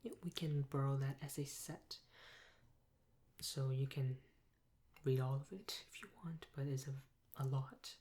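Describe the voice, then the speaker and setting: A woman soft-spoken a role-play as a helpful, patient librarian, breathy and gentle, close to a binaural microphone. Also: a bass voice, steady tone. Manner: gentle, unhurried customer-service talk with pauses. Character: helpful, patient female librarian serving a patron. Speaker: ASMR performer playing a librarian. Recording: close binaural mic with clear hiss.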